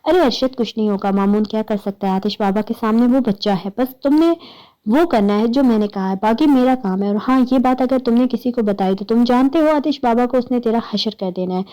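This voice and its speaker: A woman's voice: a little high, mellow, highs cut off, close to an everyday voice. A woman voicing a greedy, scheming man who bosses and threatens his neighbour. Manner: bossy and threatening.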